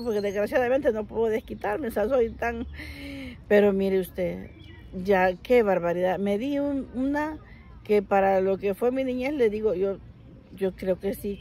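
A woman vlogger tells a story straight to her viewers in an animated, chatty way, often breaking into laughter. Her voice sits a bit high, and she talks to the listener with polite, formal address. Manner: frequent laughter while telling the story. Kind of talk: casual storytelling to camera.

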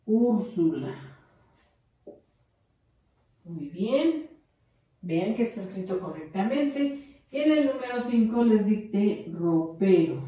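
A woman's voice: medium pitch, animated, slow, mellow, far from the mic. A woman teaching young children in a patient, encouraging way, dictating words and drawing them out. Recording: very echoey room, voice off-mic.

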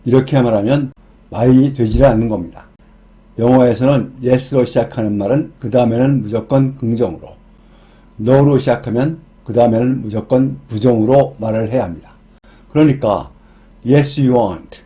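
A man explaining English grammar in a scripted lesson, reading each example sentence slowly and deliberately. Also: medium pitch, warm tone. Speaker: English teacher.

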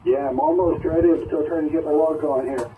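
A man's voice: a little high, steady tone, fairly quick. A male ham radio operator heard over a radio receiver, chatty and eager, repeating himself as he talks. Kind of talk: casual ham radio call. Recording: tinny distant radio audio with loud static.

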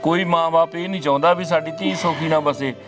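Man doing a village dad, Punjabi accent, fairly high voice, music behind. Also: steady tone, fairly quick, close to an everyday voice. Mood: consoling. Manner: scolding, then gently consoling. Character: older village father consoling his daughter. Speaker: father. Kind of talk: rural short film acting.

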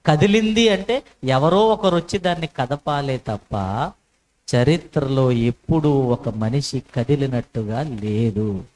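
A man's voice: medium pitch, measured pace, darkish tone, poor audio. A male preacher delivering a sermon with emphatic repetition and rhetorical questions.

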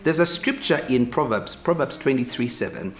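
Soft music plays behind a Ugandan-accented pastor in his forties as he sits on a sofa in a small room, giving a relaxed, talkative sermon straight to camera. He speaks at normal speed in a mid-range voice, gesturing and repeating words while thinking aloud. The camera is a few feet away in medium shot, and the room has echo and faint hiss.

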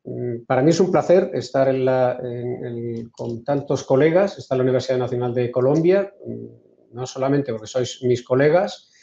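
A man from Spain with a Peninsular Spanish accent, giving an online lecture in a measured way, often restarting his sentences. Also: mid-range voice, creaky, warm tone, slight background noise. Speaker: invited speaker. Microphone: video call. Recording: roomy, dull video call audio.

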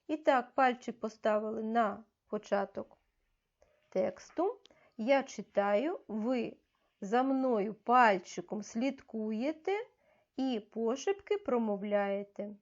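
A woman teacher leading a reading lesson for young children, giving slow, clearly articulated, coaxing instructions. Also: on the high side, lively intonation. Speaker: primary school teacher. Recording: dull, muffled lo-fi audio.

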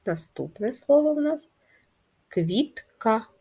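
A woman teaching a first-grade reading lesson, speaking patiently and clearly and stretching words into syllables. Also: fairly high pitch, expressive, takes it slowly, warm tone. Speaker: primary school teacher.

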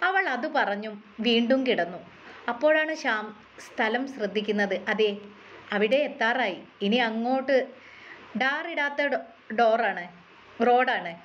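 A woman narrating a story in a steady, measured reading voice. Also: on the high side. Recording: dull lo-fi with faint hiss.

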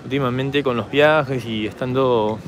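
A man with a Peruvian Spanish accent, hoarse from shouting, chatting casually to his handheld camera as he walks through a city park at night. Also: mid-range voice, fairly even intonation, a little slow, slight background noise. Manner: chatty, rambling, talks straight to camera while walking. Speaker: travel vlogger. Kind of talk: casual walking vlog.

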